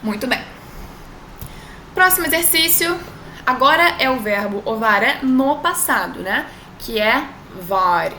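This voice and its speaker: Bright-voiced woman teaching in an echoey room. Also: sits high, lively intonation. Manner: chatty, drawn-out model phrases, frequent tag questions. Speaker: language teacher. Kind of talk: online language lesson. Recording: echoey room with faint noise.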